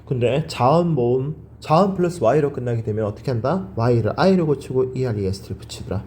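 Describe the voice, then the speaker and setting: A man's voice: medium pitch, expressive, normal speed, darkish tone, a little hiss or hum. A male teacher giving a grammar lecture. He asks his class questions, answers them himself and drills the words by repeating them.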